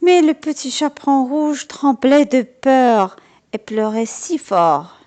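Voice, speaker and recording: A woman reading a children's story aloud in an animated, sing-song manner. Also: high-pitched, slow pace.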